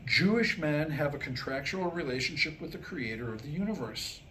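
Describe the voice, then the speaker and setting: In a low-quality live room recording full of background noise, a man in his sixties gives a staged reading of jokes and comic monologue. His voice is a little high and sharp, with lively intonation at a normal speed, and he wryly acts out the quoted dialogue.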